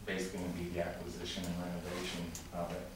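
A man making a halting public comment to a city council, full of fillers and restarts. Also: low voice, completely flat delivery. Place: large council chamber with tall windows. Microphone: room mic from far off. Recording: echoey chamber recorded from far off with noise.

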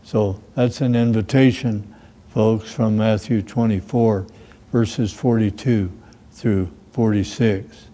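An older American man, a pastor, giving a sermon with scripture readings and prayer in a slow, measured way. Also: on the low side, steady tone, dark tone. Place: small church room with plants behind.

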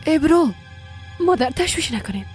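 A desperate mother, crying out in a very high, strained voice. A strong music score plays beneath her in this dubbed drama. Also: expressive. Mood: frantic. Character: frantic mother fearing for her daughter.

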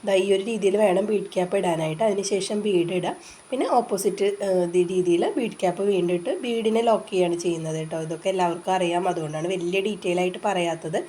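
A woman with a blocked, congested voice from a cold talks viewers through a craft tutorial at a quick clip. She explains patiently and chattily, with frequent filler sounds. Her voice sits low and mellow, with soft rain behind her. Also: steady tone, slight background noise. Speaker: craft channel host. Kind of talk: casual step-by-step craft tutorial. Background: rain outside.

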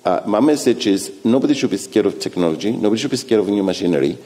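A man's voice: fairly low pitch, dark tone. Emphatic older man in a big hall. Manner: emphatic, insistent. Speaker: panelist, ship designer. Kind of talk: panel discussion answer. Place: large stone-walled conference hall. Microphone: headset mic. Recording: long hall reverb.

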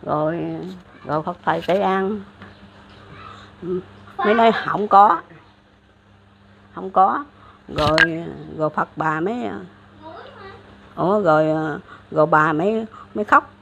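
Older woman, Southern Vietnamese accent, gravelly voice, rambling folk storytelling, dull lo-fi sound. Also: lowish voice, normal speed, pauses often, a little hiss or hum. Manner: rambling, many fillers and restarts. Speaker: elderly storyteller. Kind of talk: casual religious storytelling. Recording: dull lo-fi recording.

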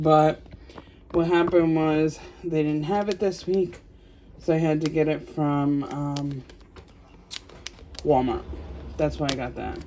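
A woman chats her way slowly and loosely through a home vlog, rambling and thinking aloud with little pauses and fillers. She talks in an easygoing, unhurried way, like a mom chatting to her viewers from the kitchen. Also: sits low, warm tone, slight background noise. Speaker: mom vlogger. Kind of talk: casual grocery haul chat.

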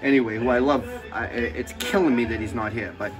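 A man's voice: medium pitch, a little fast, over music, rough recording. A man hosting a casual cooking show, rambling and joking as he cooks, swearing freely and drifting off into stories. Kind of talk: casual cooking demonstration chat.

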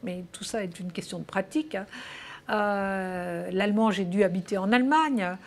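A woman's voice: medium pitch, normal speed, a little hiss or hum. A woman answering interview questions in a casual, hesitant way, with many fillers and restarts. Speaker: interview guest.

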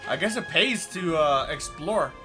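A young man giving casual, playful and excitable commentary while playing a video game. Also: on the high side, unhurried. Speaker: gaming video host. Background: video game music.

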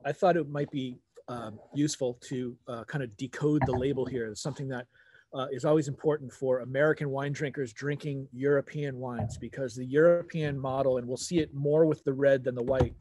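A wine webinar presenter in his forties talks casually from a garden table outdoors, explaining and rephrasing as he goes like a conversational teacher. His voice is medium-pitched and dark, with fairly even intonation and a slightly fast pace.

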